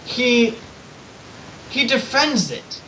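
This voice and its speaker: A man's voice: very high voice, lively intonation, pushed and bright, a little hiss or hum, poor audio. A young man on a live stream, chatting casually and swearing freely, with frequent restarts. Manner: loose, profane, halting restarts. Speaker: co-host.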